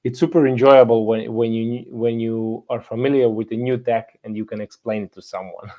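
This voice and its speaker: A man's voice: medium pitch, steady tone, moderate pace, highs cut off. A man hosting a casual live audio chat, chatty and given to laughing between remarks. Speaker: host.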